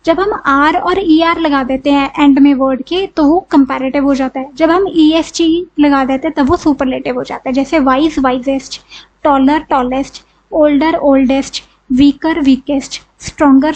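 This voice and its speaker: A woman's voice: high-pitched, steady tone, normal speed, highs cut off. A woman with an Indian accent teaching a grammar lesson, asking questions and answering them herself step by step. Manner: explains step by step, asks and answers her own questions, says "ठीक है" often.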